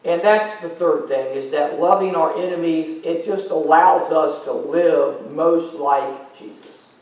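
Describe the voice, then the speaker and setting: American pastor guy preaching casual and folksy, higher voice, big echoey church, kinda far off. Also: a little slow, a little mellow. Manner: conversational, folksy preaching with fillers; paces and gestures while preaching. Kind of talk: sermon. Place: church sanctuary stage.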